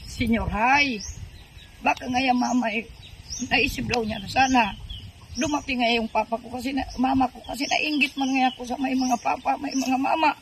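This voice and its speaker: An older woman telling her life story in a halting, rambling way, full of fillers, politely adding respectful words. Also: fairly high pitch, slight background noise. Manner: polite, adds po and ma'am. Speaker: interviewee. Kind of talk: casual storytelling.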